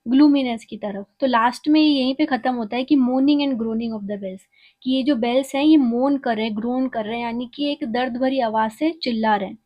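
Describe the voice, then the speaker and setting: Casting note: woman, fairly high voice, literature teacher reading verse slowly and then explaining it plainly. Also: muffled recording. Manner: reads English verse very slowly, explains in casual Hindi with English terms. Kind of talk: poem explanation lesson.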